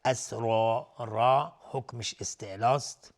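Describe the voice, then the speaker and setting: A man teaching Quranic recitation rules on a TV lesson. He chants verses slowly and drawn out, then explains each rule in quick, plain talk. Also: medium pitch. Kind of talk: tajweed lesson with slow recitation. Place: TV studio.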